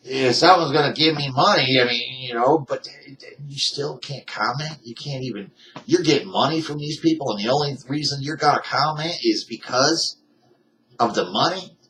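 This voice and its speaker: A man's voice: medium pitch, moderate pace, pushed and bright, low-quality recording. A man ranting to his camera in a heated, indignant, folksy way. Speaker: YouTuber. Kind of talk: ranting vlog.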